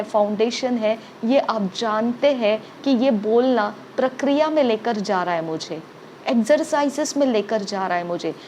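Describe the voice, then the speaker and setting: A woman preacher gives a sermon in a fairly high, darkish-toned voice, hammering her points home through repetition and frequent "okay?" checks. Faint ambient noise lies beneath her speech.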